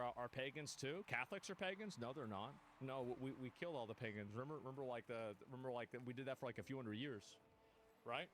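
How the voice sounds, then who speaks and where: A man's voice: medium pitch, a bit bright, a little hiss or hum. A man streamer reacting to a clip on a live stream, heated and profane, repeating himself as he rants.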